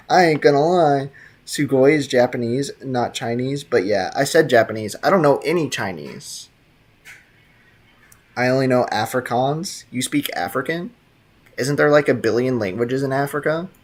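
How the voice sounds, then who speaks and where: A young man speaks in an expressive, mid-range voice at a moderate pace while streaming a video game. He reads live chat and chats with viewers in a laid-back, slangy style, laughing often.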